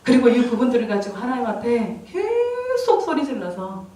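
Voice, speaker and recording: A woman's voice: on the high side, huge pitch swings, normal speed, recorded from a distance. Woman preaching in a very echoey hall. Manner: emotional, swings between loud outbursts and hushed confiding. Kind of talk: sermon testimony. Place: church sanctuary.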